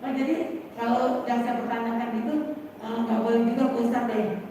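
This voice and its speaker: A woman's voice: fairly high pitch, steady tone, normal speed, dark tone. An older woman, a grandmother in the audience, asks the speaker a question in a chatty way and tells a short story from home. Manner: chatty, tells an anecdote, laughs. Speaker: audience member asking a question. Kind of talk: casual question from the floor. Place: large seminar room. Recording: distant, very echoey hall with faint noise.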